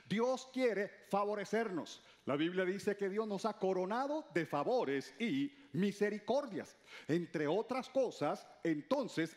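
A man's voice: high voice, a little mellow. A man, a pastor, preaching a sermon. He reads scripture aloud and calls on the congregation to repeat key words after him.

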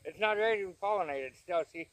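A man's voice: high voice, fast, smooth, rough recording. A worn-out man co-hosting with crude, sweary, rambling banter, recorded outdoors by a camera a few steps away. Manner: crude, constantly swearing, joking. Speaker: co-host of a dip review channel. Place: outdoors on a grassy hilltop. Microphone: camera mic a few steps away. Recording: outdoor camera audio, nature noise behind.

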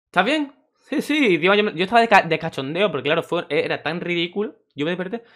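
Fast-talking young Spanish man telling jokey stories. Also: a little high. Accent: Spain Spanish. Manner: jokey, animated, acts out voices in the story. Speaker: streamer and YouTuber. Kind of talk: casual anecdote storytelling.

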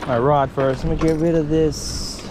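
A chatty man narrates his fishing out on a seaside rock jetty, his voice sitting a bit high for a man. Loud wind buffets the camera mic the whole time, and the waves are heard behind him. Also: normal speed. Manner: chatty, excited whoops when fish bite. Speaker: fishing vlogger. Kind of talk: casual running commentary while fishing. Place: outdoors on a windy rock jetty by the sea. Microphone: body-worn action camera.

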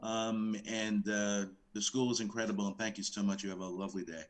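A man's voice: on the low side, fairly even intonation, brisk. A man, a film producer, giving earnest, somewhat rambling advice in an interview.

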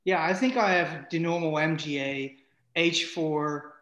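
Dutch guy calling into a car q&a, slightly high voice, roomy sound. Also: measured pace, fairly bright tone. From Netherlands. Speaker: caller. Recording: roomy video call audio.

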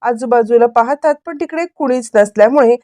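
A woman narrates the events of a drama episode in a lively storytelling manner. Her voice sits a little high but has a soft, dark warmth. The recording is dry and close, with no room sound. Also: a little fast, no echo. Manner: animated retelling, raising her pitch for quoted dialogue. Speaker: serial episode recap narrator. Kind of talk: storytelling recap, acting out quoted lines.

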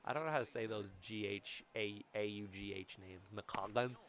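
Over footage of a baseball video game, a gaming YouTuber in his thirties cracks jokes, gets worked up, and yells loudly at times, all at a moderate pace. He records in a small home room on a studio boom mic, framed for webcam.

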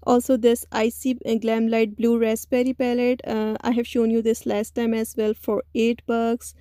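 A woman narrating a store shopping video in a voice-over, speaking slowly. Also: fairly high pitch, level tone, dark tone, no echo, studio quality. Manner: slow, listy, with many "uh" pauses. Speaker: shopping vlogger.

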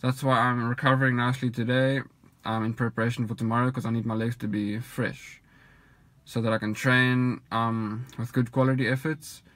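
A man's voice: medium pitch, moderate pace, no echo. Young man vlogging from his car. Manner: relaxed, rambling with many ums. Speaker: cycling coach. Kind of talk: casual vlog talk. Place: parked car. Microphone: phone camera at arm's length.

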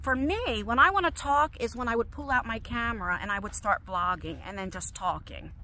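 A middle-aged woman speaks in a confessional vlog with a high, bright, sharp-edged voice. She talks in an emotional, rambling way, often restarting her sentences as she paces. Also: animated, a little fast. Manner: pacing while talking. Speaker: vlogger.

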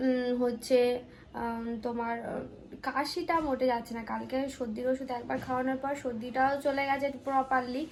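In a casual cooking vlog, a young West Bengali mother talks viewers through her chores as she cooks at home and looks after her daughter. She has a sore throat and a stuffy nose, and her voice is high-pitched, with a bit of hiss or hum on the recording.

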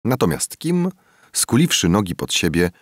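Deep-voiced man narrating an audiobook. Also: no echo, clean studio sound. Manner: measured, expressive storytelling.

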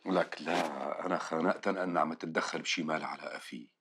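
A man's voice: a bass voice, fairly even intonation, racing, a bit bright, slight background noise. An actor playing a firm, protective middle-aged husband and father with a Syrian accent in a period television drama, speaking emphatically. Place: furnished bedroom indoors. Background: music.

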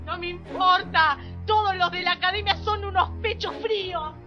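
Woman playing a shrill, jealous Argentine lawyer. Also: normal speed, lo-fi sound, over music. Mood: raging. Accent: Argentine Rioplatense Spanish. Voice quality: weepy, shrill and melodramatic. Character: jealous, volatile young woman lawyer in love. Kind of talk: amateur parody radio-style drama.

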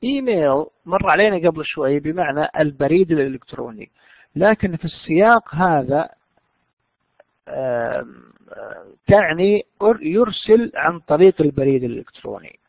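A male teacher explains an English lesson, pausing often on fillers. His voice is gravelly and a bit high. The recording sounds tinny and phone-like, and dry. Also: animated, dry recording. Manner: explains in Arabic with frequent fillers. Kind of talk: bilingual classroom lesson.

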